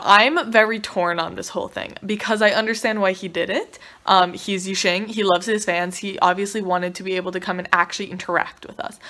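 A young woman vlogger telling a story in a casual, excited way, swearing freely. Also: medium pitch. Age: young adult.

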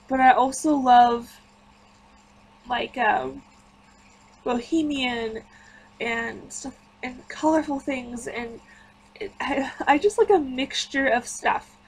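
Sounding tired yet talkative, a woman YouTuber wanders from one idea to the next while narrating a home-building game. Her high voice is husky, and the audio quality is poor.

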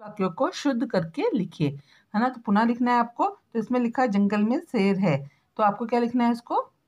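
A woman from Uttarakhand teaching a spelling lesson to young children, stretching words out slowly and ending almost every phrase with a question to the class. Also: a little high, lively intonation, a little mellow, lo-fi sound. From Uttarakhand, India. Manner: slow, drawn-out spelling out of words; constant tag questions to pupils. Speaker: primary school teacher.

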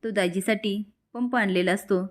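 A woman recapping a TV serial episode in steady, plain storytelling narration. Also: mid-range voice, normal speed.

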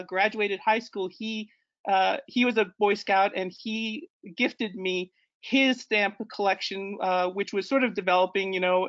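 His voice sits high and a bit bright, with the highs cut off by the recording. He's a man in his forties, born in Ecuador, giving a hesitant online slideshow presentation as a guest, full of fillers and self-corrections, over a video call from inside a room.

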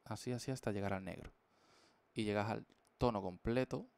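A man's voice: fairly low pitch, a little fast, a little mellow, clean tone. A young man from chatting casually on a live stream while he draws, playful and full of slang. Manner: playful, slangy, jokey rambling.

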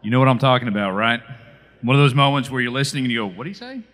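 A man's voice: medium pitch, fairly even intonation, very fast, a bit bright. A man emceeing a church banquet, introducing a video and drawing the audience in with questions. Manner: friendly, engaging the audience with questions. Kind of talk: introducing a segment.

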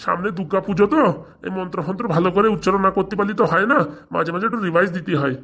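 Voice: medium pitch, racing, a bit bright. A performer doing a bumbling, henpecked village priest. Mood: defensive. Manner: defensive, stumbling over chants. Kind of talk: comic cartoon voice acting.

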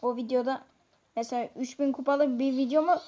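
Excitable woman narrating her gameplay. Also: sits high, brisk. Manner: chatty, excitable, talks to viewers. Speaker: gaming YouTuber. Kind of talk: live gameplay commentary. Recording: dull lo-fi sound.

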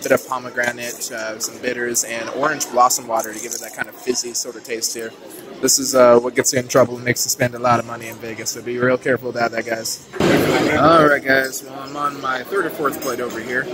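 This vlogger, a young man, strolls through a big indoor buffet holding his phone camera, chatting in an upbeat, casual way full of "ooh"s and "uh"s. His delivery is flat and fairly quick at a medium pitch. Restaurant chatter and clatter make the recording noisy.

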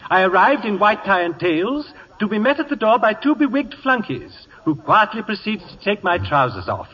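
An actor playing a witty, vain English playwright with a breathy, theatrical manner in a 1950s radio drama. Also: male voice, high voice, sing-song, normal speed, pushed and bright, full character voice. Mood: flamboyant. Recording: dull lo-fi 1950s radio broadcast with long reverb.

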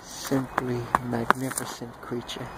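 A man narrating a home video in a hushed, mock-solemn wildlife documentary manner, outdoors in a yard. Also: medium pitch, monotone, slow, creaky. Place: outdoors in a yard with chickens and dogs. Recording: outdoor noise with bird calls.

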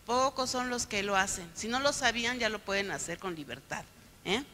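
A woman pastor preaching a sermon, often checking in with the congregation with quick questions. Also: on the high side, expressive, bright, forceful tone, a little hiss or hum. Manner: keeps asking the congregation "¿no?". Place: church sanctuary. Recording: long reverb of a church hall.

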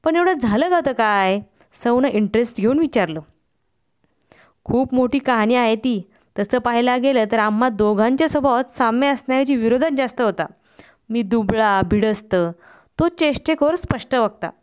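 A woman who runs a study channel, reading a short story aloud in a steady, expressive storytelling manner. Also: a little high, normal speed, clear, resonant tone. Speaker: story reader, channel host.

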